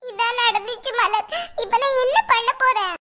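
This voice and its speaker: A woman's voice: very high voice, steady tone, fairly quick, bright, forceful tone. A woman voicing an anxious, tearful young married village woman in a cartoon, talking to herself in despair. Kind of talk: cartoon voice acting.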